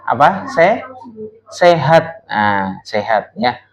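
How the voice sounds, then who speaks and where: A man's voice: mid-range voice, big pitch swings, drawn-out words, rough recording. A man teaching an Arabic lesson to children, patient and coaxing, often repeating words and phrases for them.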